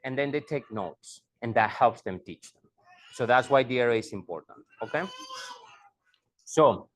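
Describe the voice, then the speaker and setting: A man's voice: medium pitch, a little slow, a little hiss or hum. A middle-aged man, a school leader, explaining things to parents and repeating his points in two languages. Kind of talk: bilingual presentation to parents.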